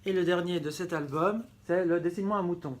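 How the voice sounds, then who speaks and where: Guy, kinda high voice, showing off his records, keeps fixing his words. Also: fairly quick. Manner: enthusiastic, repeats words, corrects himself often. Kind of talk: casual show-and-tell vlog.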